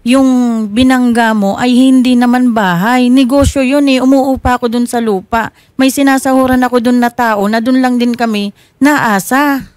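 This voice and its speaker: A woman's voice: a little high, fairly even intonation, normal speed, darkish tone, no room sound. A woman, a shop owner filing a complaint, pleading in a frustrated tone.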